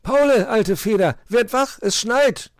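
A man's voice: on the low side, wildly swooping pitch, normal speed, no room sound, clean studio sound, full character voice. A man voicing a cheerful young male owl who yawns and jokes in rhymes. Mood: excited. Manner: yawning, playful, rhyming.

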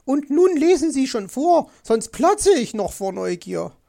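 A storybook narrator voicing Mrs. Magpie, a vain, excitable female magpie who nags and screeches. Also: moderate pace, vocal fry. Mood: excited. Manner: shrill, nagging.

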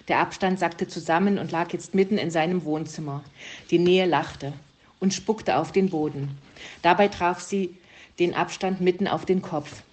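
A woman calmly reading a German story aloud to listeners. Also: on the low side, normal speed. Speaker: reader.

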